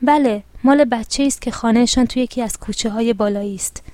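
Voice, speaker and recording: A woman's voice: a little high, dark tone, no echo, lightly acted. A woman doing a kindly street salt seller. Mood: pleased.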